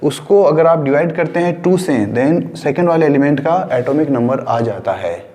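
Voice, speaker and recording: A man's voice: fairly high pitch, lively intonation, moderate pace, warm tone. Man teaching a science class in an echoing hall. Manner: explains with everyday examples, repeats key points, asks and answers his own questions. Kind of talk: classroom lecture.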